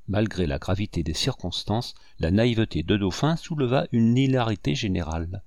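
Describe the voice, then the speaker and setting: A man narrating a novel as an audiobook in a steady, even reading. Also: fairly low pitch, normal speed, no room sound.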